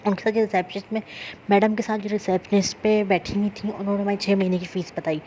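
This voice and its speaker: A woman's voice: medium pitch, level tone, warm tone, a little hiss or hum. A woman vlogger candidly and bluntly retelling a personal story in casual chat, with lots of fillers. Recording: slightly dull lo-fi sound.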